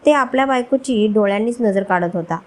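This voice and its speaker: Woman storyteller, romance story narration, expressive, higher voice. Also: fairly quick. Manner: expressive, reads all the parts.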